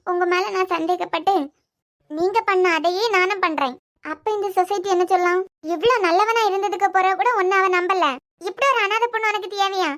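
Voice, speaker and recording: A woman's voice: very high voice, a bit bright. A woman voicing a hurt young wife in a cartoon serial, tearful and bitterly accusing her husband.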